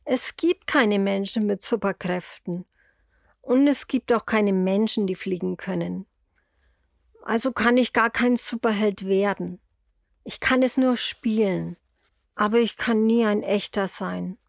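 A woman voicing a kind, curious young boy in a storybook, with a bright, eager childlike voice. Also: medium pitch, measured pace, vocal fry, dry recording, clean studio sound. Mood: sad. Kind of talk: storybook character voice.

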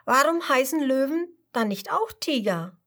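A woman voicing a curious, excited little tiger cub with high, eager, drawn-out exclamations.

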